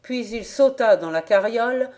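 A woman with a French accent reading a classic novel aloud in a measured, even storytelling manner. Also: on the high side. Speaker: audiobook reader. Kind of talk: literary audiobook narration.

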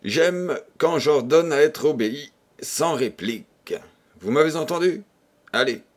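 A man's voice: low voice, animated, slow pace. A man reading the part of a curt, commanding young viscount in an audiobook. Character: haughty young male viscount giving orders.

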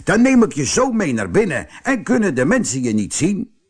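A man voicing a cunning, easygoing male shoemaker who talks calmly and slyly. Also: sits high, normal speed, breathy edge, voice pushed up, heavily acted. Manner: calm, sly and friendly.

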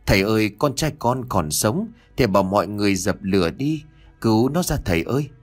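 A man's voice: lowish voice, animated, moderate pace, faint music behind. A man voicing a grief-stricken old father who pleads and wails in a frantic voice for a horror audio story. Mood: frantic wailing. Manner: wailing, begging.

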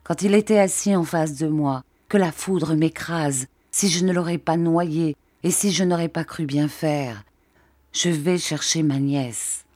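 Audiobook: distraught old fisherman uncle, insistent, read by a woman; mellow, dry sound. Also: deep voice, a little slow, no echo. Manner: impatient, insistent. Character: grief-stricken fisherman uncle, stubborn and wild.

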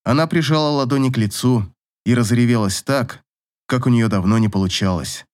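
A man reading an audiobook novel as narrator, in an expressive scripted style. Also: medium pitch, brisk.

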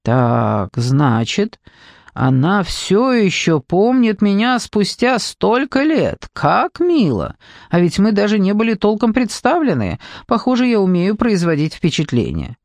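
Man reading a flamboyant private eye, cheeky and self-assured, mock-polite, fairly high voice, dry close sound. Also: wildly swooping pitch, unhurried, a little mellow, dry recording, full character voice. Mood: cocky. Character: brash, breezy, flamboyant male private detective.

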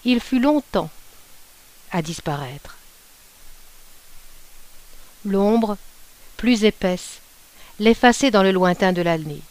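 A woman narrating a classic short story in a measured, unhurried reading voice. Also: mid-range voice, animated, darkish tone. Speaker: audiobook reader.

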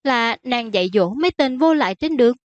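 A woman voicing a spirited young princess, pleading with her father in a high, wheedling voice. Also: expressive, brisk, dry recording, highs cut off, natural voice.

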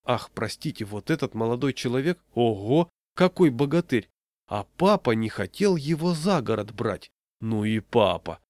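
Storybook prankster pal, high-pitched and mocking, as a male reader puts him on; dry close sound. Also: animated, normal speed, darkish tone, no room sound, lightly acted. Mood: mock surprise. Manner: teasing, giggly. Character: jolly joking adult man friend.

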